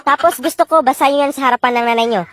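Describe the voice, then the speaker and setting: Woman playing a brisk, high-voiced teacher addressing her class in a comic skit. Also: background noise, natural voice. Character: cheerful schoolteacher giving an assignment.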